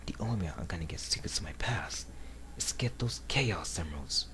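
A man's voice: deep voice, lively intonation, a bit bright, in a whisper. A man voicing an arrogant, brooding hedgehog antihero from a video game, with a cold, dramatic delivery. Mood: brooding, hushed. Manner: slow, dramatic, haughty, cold. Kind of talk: video game character voice demo. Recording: noisy amateur home recording.

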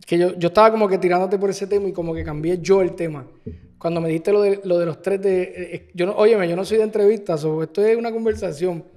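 A man's voice: sits high, steady tone, fast, a little mellow, in a large hall. A man hosting a podcast, chatty and rambling, often restarting his sentences. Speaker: podcast host. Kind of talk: casual podcast conversation.

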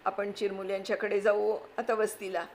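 A woman voicing a bossy middle-aged wife who scolds and commands her husband in a sharp manner, read from a storybook. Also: mid-range voice, little pitch movement, normal speed, natural voice. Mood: scolding. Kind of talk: storybook reading.

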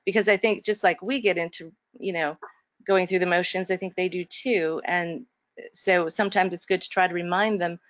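Woman instructor, earnest reflective talker, lower voice, dry dull call audio. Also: fairly even intonation, normal speed, no room sound. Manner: earnest, reflective, many fillers and restarts. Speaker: faculty instructor. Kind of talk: casual discussion in an online faculty workshop. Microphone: video call.

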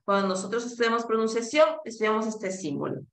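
A woman teaching an English pronunciation class, slowly modeling vowel sounds for students to repeat and slipping between two languages. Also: fairly high pitch, echoey room. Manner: slow and deliberate, drawing out each vowel and code-switching to English.

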